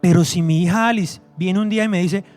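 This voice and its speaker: High-pitched guy preaching, punchy and repetitive, soft music under it. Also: fairly quick. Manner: emphatic, repeats phrases, acts out quoted voices. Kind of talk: sermon.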